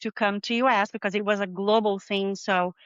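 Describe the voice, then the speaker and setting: In a video interview, a middle-aged marketing manager from southern Brazil speaks English with a clear Brazilian Portuguese accent, her voice smooth and resonant at a medium pitch. She talks openly, thoughtfully and briskly in a steady tone, with a few small non-native slips. The audio is dry, slightly muffled and has no room sound.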